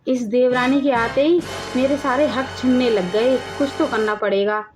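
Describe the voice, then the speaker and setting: A jealous, scheming elder sister-in-law, played by a woman in an animated family drama. She speaks high and sharp, sulking and plotting against the younger wife. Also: moderate pace, over music, natural voice. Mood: bitter.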